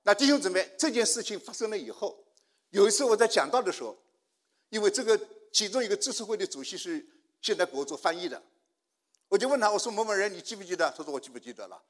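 An older man preaching a sermon, telling a personal testimony and swinging from hushed prayer to loud outbursts. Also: high voice, expressive, fast. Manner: storytelling, swinging from hushed to shouting.

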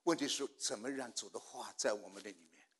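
An older man preaching a sermon, telling a personal testimony and swinging from hushed prayer to loud outbursts. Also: medium pitch, fast talker. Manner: storytelling, swinging from hushed to shouting.

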